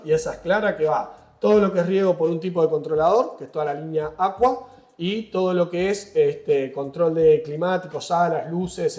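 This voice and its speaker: A man's voice: on the high side, darkish tone. A man, training shop staff on equipment, patient and full of fillers and check-ins with his listeners. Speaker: product trainer. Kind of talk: explaining equipment at a training session.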